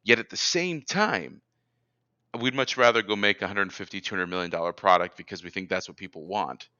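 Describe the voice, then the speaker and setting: A man's voice: low-pitched, brisk, no room sound, muffled recording. A man hosting an interview, talking energetically and emphatically as he builds his point. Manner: energetic and emphatic, rising with excitement. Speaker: interview host. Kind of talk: conversational interview.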